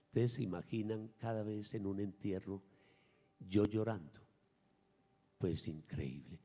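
A man, a priest, preaching a sermon at Mass, emphatic, swinging between raised and hushed lines. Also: on the low side, unhurried, long reverb tail. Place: church.

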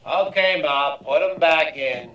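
A man playing a brisk police officer, barking orders like an old-time beat cop. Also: on the high side, recorded from a distance, muffled recording, a little hiss or hum. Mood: brisk, commanding. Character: brisk male cop herding a police lineup. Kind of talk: film acting. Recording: echoey room from off mic, music behind.

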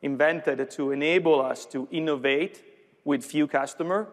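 A software executive gives a live keynote product demo on a large conference stage before an audience, speaking at a moderate pace in a slightly high voice. He wears a lapel mic, and the sound carries the heavy reverb of a big hall.

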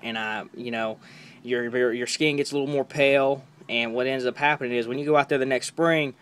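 A man's voice: mid-range voice, steady tone, fairly quick, a bit bright, clear, resonant tone. A young man casually chatting while unboxing gear, enthusiastic and rambling, often repeating words, on a camera held close. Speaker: fishing vlogger.

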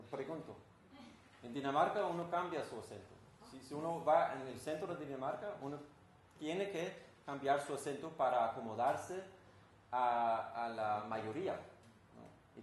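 A man's voice: mid-range voice, moderate pace. A man from Denmark with a Danish accent, a composer giving an informal talk to an audience, who asks them questions and sometimes searches for words. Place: room with an audience. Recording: roomy, with faint room noise.

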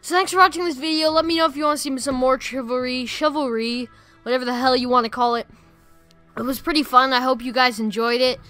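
A woman giving casual, excitable gameplay commentary, rambling with lots of "like" and "friggin'". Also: high-pitched, fast, soft background music. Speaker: gaming YouTuber.

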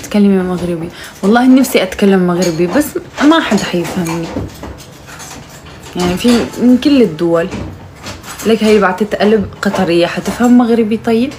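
A young Moroccan woman with a Moroccan accent, chatting casually and teasingly on a live stream, now and then calling out loudly to her mother. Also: medium pitch, fairly quick, a little hiss or hum.

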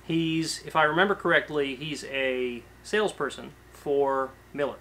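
A man in his thirties chatting casually to camera in a cluttered garage workshop, relaxed and full of fillers and restarts. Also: a little high, measured pace, slight background noise. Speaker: garage vlogger. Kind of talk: casual show-and-tell to camera.

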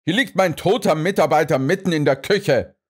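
A man reading an audiobook, voicing a blustering, indignant restaurant owner who protests loudly and huffily. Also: on the high side, moderate pace, husky, voice pushed up. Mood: protesting. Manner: huffy, loud, protesting.

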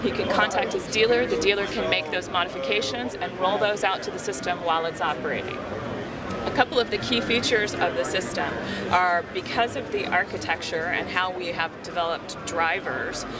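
A man presenting software at a trade show booth, explaining steadily with frequent ums. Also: high voice, moderate pace, over loud music. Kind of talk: product demo. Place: busy trade show floor. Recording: loud crowd noise behind. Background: loud crowd chatter.

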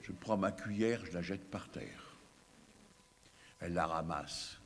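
A man's voice: deep voice, slow. A man voicing a stubborn, scheming baby boy who gleefully tells how he outwits his mother. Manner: gleeful first-person storytelling, mock triumphant. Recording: long hall reverb, faint background noise.

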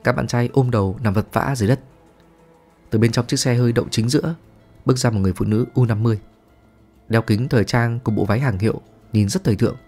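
A man narrating a scripted ghost story as a storyteller, reading at an even, steady pace. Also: medium pitch, fast, pauses often, slightly rough, faint music behind.

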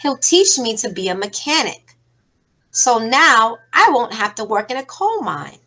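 A woman's voice: on the high side, very animated, measured pace, bright, forceful tone, exaggerated voice. Woman reading as a hopeful young brother. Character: eager young man, hopeful older brother.

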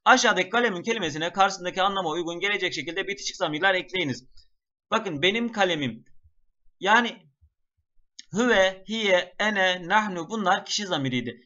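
A high-pitched man talks briskly in a sharp tone while running an exam-prep class step by step. Word lists come out as a sing-song chant, and he often speaks straight to the students. Sound quality is dull and lo-fi.

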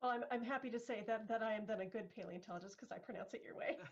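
A woman's voice: on the high side, rapid-fire. A woman hosting an interview, asking friendly, playful questions. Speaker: interviewer host. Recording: dull lo-fi audio.

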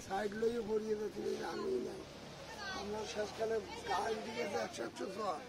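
High-voiced man chatting at a fish market. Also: flat delivery, brisk, low-quality recording. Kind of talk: casual chat while working. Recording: loud outdoor market crowd. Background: busy crowd noise.

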